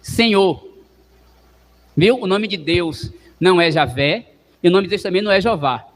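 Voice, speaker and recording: A man's voice: sits high, normal speed. A man, a parish priest, preaching a sermon in a teaching way, having the congregation repeat words and often checking with "não é?". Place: church. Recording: long church reverb.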